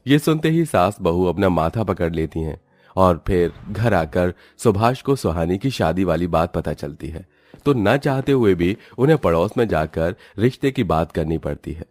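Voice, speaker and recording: Male storyteller, very deep, dry studio read, steady narration for a cartoon. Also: normal speed, dry recording.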